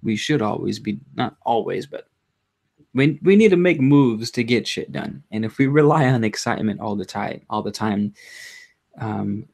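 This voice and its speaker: A man hosting a casual livestream, chatting to viewers in a subdued, low-energy, rambling way with halting self-interruptions. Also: lively intonation, vocal fry, a little mellow. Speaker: livestream host. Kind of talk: casual live chat to viewers.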